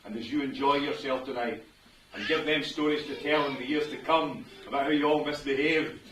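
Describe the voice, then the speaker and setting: Officiating an indoor wedding ceremony, a middle-aged Scottish minister keeps things chatty and jokes with his guests. He speaks fairly quickly in a medium-pitched, steady, fairly bright voice, captured by a distant mic with roomy sound and venue noise.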